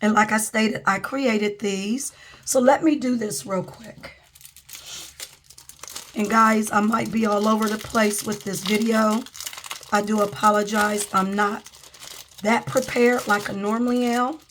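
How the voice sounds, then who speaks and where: A budgeting vlogger with a cold, her voice giving out, chats casually with viewers from a table indoors under an overhead camera, calling them "guys" and "y'all." Her medium-pitched voice is steady, measured and fairly bright, though the audio is poor with some hiss or hum.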